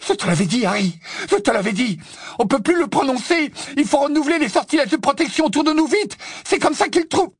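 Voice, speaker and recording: A man's voice: high voice, very animated, quick pace, gravelly, husky, no room sound, clean studio sound, pitched above the performer's own voice, heavily acted. Man doing a panicky teenage boy wizard. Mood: panicked. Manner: loud, agitated. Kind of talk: audiobook character voice.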